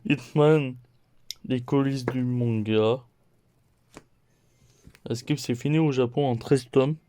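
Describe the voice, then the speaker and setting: Un homme qui présente ses achats de mangas de la semaine sur un ton décontracté, en énumérant les titres un par un et en riant de ses erreurs. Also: male voice, medium pitch, fairly even intonation, warm tone. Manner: slow, listing titles one by one; playful, laughs at own mistakes. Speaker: manga haul vlogger. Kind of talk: casual haul video chat.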